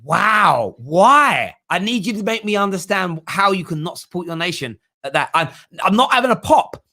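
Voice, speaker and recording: His voice sits high and swings widely in pitch as this man hosts a casual football fan stream at a moderate pace. The tone is bright and forceful while he reads viewer comments aloud, blunt, emphatic and repetitive.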